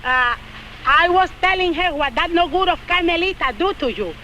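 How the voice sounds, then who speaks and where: A woman's voice: very high-pitched, expressive, moderate pace, bright, forceful tone, a little hiss or hum, full character voice. A woman playing a brassy, fussing island mother in an old comedy film, with a Latin American Spanish accent and broken English. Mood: coaxing. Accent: Spanish-speaking Latin American.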